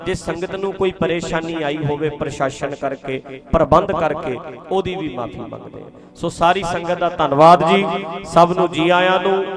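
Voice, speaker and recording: High-voiced male preacher, crowd around. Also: normal speed. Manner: earnest, pleading, repeats his phrases. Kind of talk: stage sermon to a congregation. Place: outdoor religious gathering stage. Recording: crowd noise from a large gathering.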